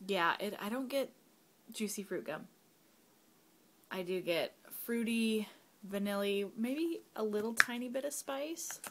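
Chatty young mom reviewing candles. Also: female voice, medium pitch, expressive, a little slow, long pauses. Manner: chatty, rambling with fillers, drops to whispers. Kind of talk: casual product review vlog. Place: home, kids nearby.

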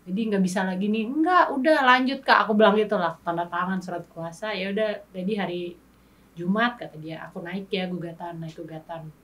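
A woman guest on an interview show, telling her story in candid, animated casual chat and acting out past arguments. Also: mid-range voice, fairly quick, recorded from a distance.

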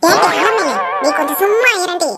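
A woman doing a scolding old village mother-in-law, very high squeaky cartoon voice, music underneath. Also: expressive, normal speed. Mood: bossy. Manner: bossy, scolding, sharp commands. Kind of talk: cartoon voice acting. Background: background music.

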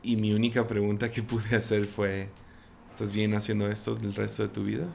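A man's voice: lowish voice, little pitch movement, a little fast, vocal fry, darkish tone, slight background noise. A man hosting a casual conversation, speaking bluntly and chiming in with short remarks. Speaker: podcast host.

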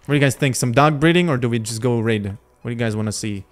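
A Lithuanian man livestreams a game, talking fast in a mid-range voice as he casually remarks on the action. He thinks out loud and chats with his viewers along the way.

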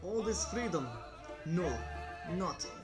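A teenage boy acting as a brooding young orphan investigator in a student film, earnest and questioning, quick to anger. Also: sits high, music in the background. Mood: wistful. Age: teens. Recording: echoey room, distant mic.

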